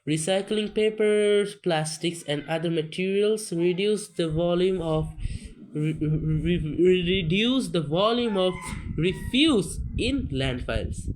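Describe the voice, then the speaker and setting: Male reader, slow and halting, coughing, textbook read-along. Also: high voice, a little hiss or hum. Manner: slow, halting, many restarts and fillers. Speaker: self-taught reader on a video channel. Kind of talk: reading a textbook aloud with explanations.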